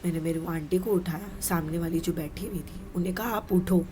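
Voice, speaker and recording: A woman's voice: lowish voice, fairly even intonation, dark tone, soft background music. A woman from Mumbai, a vlogger, narrating a scary dream in a tense, dramatic way, sometimes dropping to a whisper. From Mumbai, India. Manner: tense, dramatic, drops into whispers and slow emphasis.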